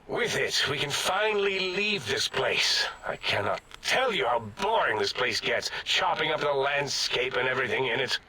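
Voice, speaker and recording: An actor playing a haughty, excitable mad-scientist brain in a machine in a video game, with pompous, theatrical diction and a raspy edge. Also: male voice, mid-range voice, normal speed, hardly any pauses, a little hiss or hum, poor audio. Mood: grandiose. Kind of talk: video game character acting.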